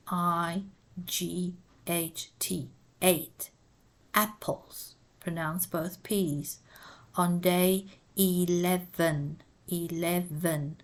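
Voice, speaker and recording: Slow, deliberate woman teaching vowels. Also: fairly low pitch, a little mellow. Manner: spells words out letter by letter. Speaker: English teacher. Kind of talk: slow, careful pronunciation lesson.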